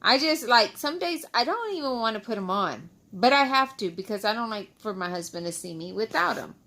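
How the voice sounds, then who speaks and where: Fairly high-pitched, expressive and sharp, a woman vlogger talks fairly quickly through a casual storytime for followers. Frustration and repetition mark her delivery, close to the mic, and loose dentures without adhesive affect how she speaks.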